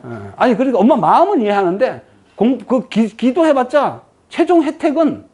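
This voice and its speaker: A woman's voice: on the high side, moderate pace, slightly rough. A woman giving a lecture, asking the audience frequent questions and answering them herself. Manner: lively rhetorical questions to the audience.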